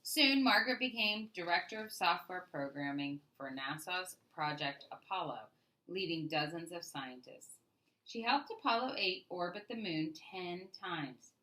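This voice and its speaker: The audio is poor as a woman reads a children's book aloud in a bright, crisp-edged voice that sits a little low. She narrates expressively, with deliberate phrasing and stress on key words, much like a storyteller.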